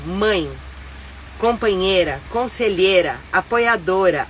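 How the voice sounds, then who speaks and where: A middle-aged Brazilian woman hosts a casual live stream from inside her motorhome, acting as a tour guide, her mid-range, slightly bright voice stuffy and nasal from a cold. She is chatty and upbeat, speaks with a Brazilian Portuguese accent and lots of fillers, and the audio is poor, with some hiss or hum.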